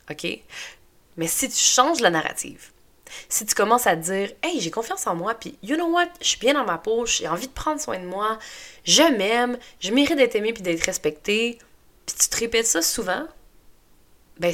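A woman's voice: on the low side, a bit bright. A young woman with a Québécois French accent talking as a podcast host in a casual motivational monologue, chatty and full of fillers, with English phrases mixed in.

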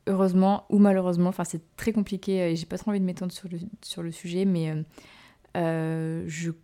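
A woman's voice: lowish voice, little pitch movement, fairly quick, warm tone. A woman hosting her own podcast as a novelist, chatting casually and hesitantly with lots of fillers and self-mocking laughs. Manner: hesitant, full of "euh" fillers and restarts. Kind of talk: casual solo podcast chat.

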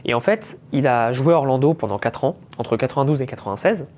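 A man's voice: medium pitch, lively intonation, a little fast, darkish tone. A man in his thirties from France, hosting a podcast and telling a story in a casual, chatty way, mixing English business words into his talk. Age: 30s. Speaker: podcast host.

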